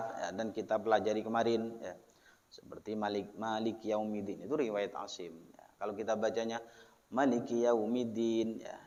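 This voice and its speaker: A man's voice: fairly low pitch, a little mellow. A man with a Javanese accent giving a religious study lecture in a prayer hall. He reads the text with word-by-word glosses, then explains it, tagging nearly every phrase with "ya". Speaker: religious teacher. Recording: lo-fi with long hall reverb.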